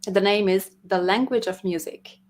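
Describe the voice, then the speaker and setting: In this relaxed interview, a female music teacher from Hungary talks in her native-accented English with a steady, mid-range voice that's a little mellow. She's reflective, laughs a lot, and hesitates now and then.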